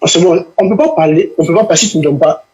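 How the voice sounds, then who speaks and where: A man debating as a guest, explaining slowly and pleading to be heard. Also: on the high side, crowd noise. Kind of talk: heated live debate. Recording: dull lo-fi line.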